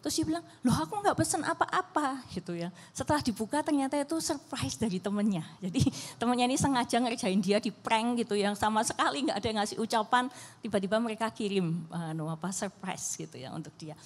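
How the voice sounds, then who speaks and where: A woman's voice: medium pitch, fast talker, in a large hall. A middle-aged woman speaking at a church family seminar, chatty and loose, with many fillers and restarts. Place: church hall.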